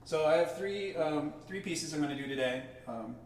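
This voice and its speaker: A man's voice: on the high side, normal speed. Man with cave echo on his voice. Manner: relaxed, rambling explanations with fillers. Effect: cave-like reverb on his voice. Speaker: host and musician. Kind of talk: casual livestream chat. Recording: echoey reverb, distant from the mic, faint hiss.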